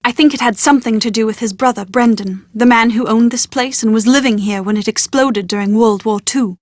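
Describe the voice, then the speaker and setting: In scripted dialogue for an adventure game, an actress plays a high-voiced, posh young British woman who talks a lot, gets exasperated easily, and has an anxious streak. Using her natural voice, she speaks a little fast, sounding confiding and earnest. Her wordy, expressive lines are recorded close and dry, without echo.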